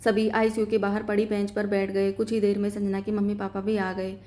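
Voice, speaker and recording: A woman's voice: mid-range voice, little pitch movement, fairly quick, dark tone. A woman narrating a scripted emotional story and reading every character herself.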